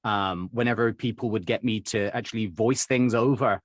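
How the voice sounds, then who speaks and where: A middle-aged man from England with an English accent, a dialect coach, tells his story as a guest in a casual interview. He rambles with lots of fillers and small laughs, speaking at a moderate pace in a fairly low, fairly even voice. The recording is dry and studio-quality.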